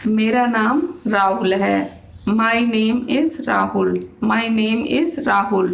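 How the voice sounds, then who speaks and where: A young woman teaching spoken English, repeating each sentence slowly and deliberately. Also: fairly high pitch, vocal fry. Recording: echoey room, dull lo-fi sound.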